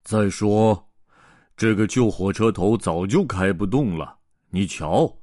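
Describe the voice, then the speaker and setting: Bumbling storybook doctor, man doing him slow and hesitant, lower than narrator, dry. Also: darkish tone, dry recording. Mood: bluff. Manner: slow and hesitant, full of ers. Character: scatterbrained cheerful old male doctor.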